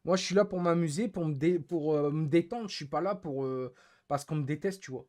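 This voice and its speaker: A young man ranting on a live stream, bitter and frustrated, cursing often, repeating himself and swinging between loud outbursts and low muttering. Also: a little fast. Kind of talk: casual live-stream rant.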